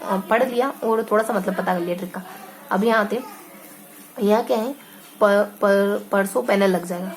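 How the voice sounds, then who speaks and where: A woman teaches an exam-prep lesson, walking through memory tricks step by step. She repeats words and drags out syllables as she explains. Steady background noise sits under her voice. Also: mid-range voice.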